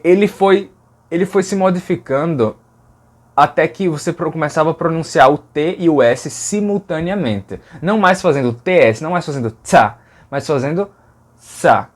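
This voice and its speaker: A man from Brazil with a Brazilian Portuguese accent, giving a casual educational explanation of speech sounds and patiently saying sounds over and over to demonstrate them. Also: mid-range voice. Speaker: linguistics educator.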